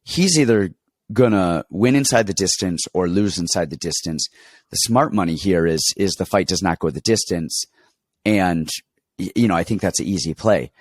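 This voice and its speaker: Recorded at studio quality without any room sound, a man with a low voice talks at a moderate pace. As a fight coach co-hosting a laid-back fight-betting show, he tells meandering stories, keeps restarting sentences, and sounds congested while recovering from illness.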